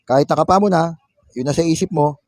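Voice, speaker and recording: A man talks fast in a high, darkish voice as he gives a Tagalog-English classroom lecture, reading English definitions aloud before explaining them. He repeatedly adds a questioning "no?", and there's no room sound.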